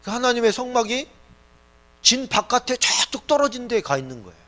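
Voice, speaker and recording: Animated male pastor preaching. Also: very high-pitched, brisk. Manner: lively preaching, acting out quoted voices. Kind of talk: sermon.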